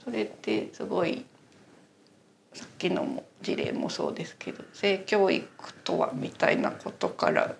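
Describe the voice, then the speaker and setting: Guest, female, gravelly vocal fry, measured hesitant explanations. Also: medium pitch, wildly swooping pitch, slight background noise. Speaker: exhibition creator, guest. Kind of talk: casual interview chat.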